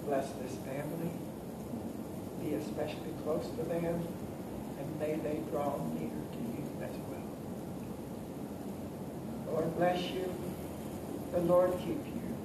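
Older guy preaching at a graveside, solemn n measured, far from the mic, really noisy recording. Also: a little high, little pitch movement. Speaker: pastor. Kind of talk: graveside committal sermon with scripture reading and prayer. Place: outdoor covered committal shelter with stone wall. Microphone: distant camera. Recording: echoey, distant, very noisy camera audio.

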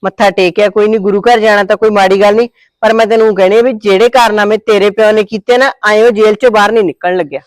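A woman plays a sharp-tongued mother-in-law who meets every remark with sarcasm and scolding. The recording is close and dry. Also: medium pitch, steady tone, quick pace, dry recording, natural voice. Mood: taunting. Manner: taunting, sarcastic. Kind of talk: amateur short-film acting.

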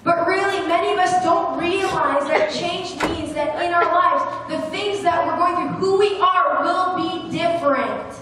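High-voiced woman preaching in an echoey hall. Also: unhurried, few pauses, recorded from a distance, background noise. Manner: earnest, gesturing, with fillers and restarts. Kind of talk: sermon. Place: church hall with brick wall. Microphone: handheld microphone at a lectern, recorded from the room.

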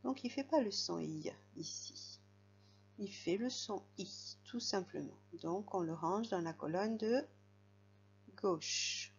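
A woman's voice: mid-range voice, highs cut off. A woman teaching a young child to read, patiently spelling out letters and sounds. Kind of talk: reading lesson for a young child.

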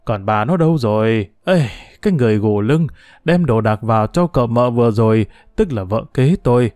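A man's voice: medium pitch, lively intonation, normal speed, a little mellow, no room sound, studio quality, close to an everyday voice. Man reading as an indignant old villager. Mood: chatty. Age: 70s. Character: cranky old village man, quick-tempered.

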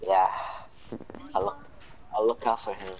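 A man's voice: fairly low pitch, steady tone, measured pace, creaky, darkish tone, a little hiss or hum, low-quality recording. A man in casual gaming chat with a friend, laid-back and swearing casually while he plays. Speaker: gamer.

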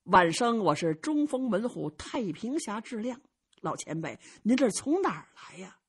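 A woman's voice: medium pitch, very animated, moderate pace, breathy edge. A woman voicing a courteous young male fortress chief who addresses his elder respectfully. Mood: polite. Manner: courteous, eager questions.

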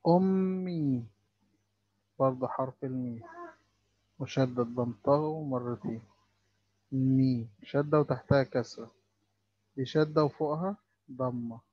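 A man's voice: mid-range voice, steady tone, unhurried, long pauses, slightly rough, dry recording, dull audio. A man with an Egyptian Arabic accent teaching a lesson for young children, stretching out each sound as he spells words.

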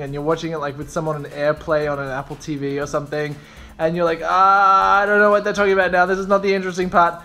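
A man's voice: fairly high pitch, fairly bright tone. A young man talking casually to his camera in a rambling, self-mocking vlog monologue. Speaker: vlogger.

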